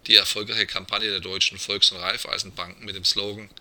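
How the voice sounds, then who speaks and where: A man reading a scripted business lesson in a measured, explanatory way. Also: fairly low pitch, little pitch movement, pushed and bright. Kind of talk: scripted narration.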